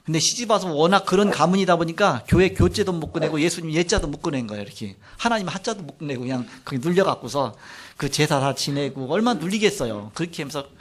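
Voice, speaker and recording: A middle-aged man preaching a sermon, telling a personal testimony in an animated storytelling way. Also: on the high side, quick pace, few pauses. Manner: animated storytelling, acts out quotes, frequent trailing "like this". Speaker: pastor.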